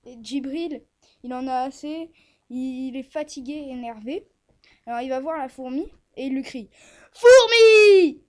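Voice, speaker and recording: Woman storyteller, high voice, tale told aloud with pauses and fillers. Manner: lively, hesitant with fillers. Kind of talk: oral tale telling.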